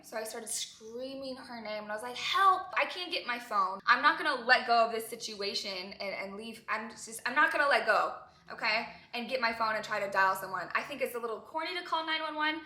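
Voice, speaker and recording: A young woman vlogger telling an emotional story, tearful and animated as she talks. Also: a little high, roomy sound.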